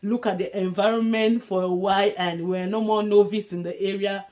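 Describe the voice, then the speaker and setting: A woman's voice: mid-range voice, fairly even intonation, moderate pace, darkish tone. A young woman from Africa giving casual, earnest advice in a vlog, laughing often as she talks. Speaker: vlogger.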